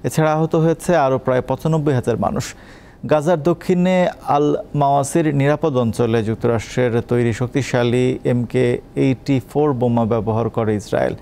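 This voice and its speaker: A man reading a scripted news bulletin as presenter, in a brisk, formal delivery. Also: medium pitch, fairly even intonation, warm tone, clear, resonant tone.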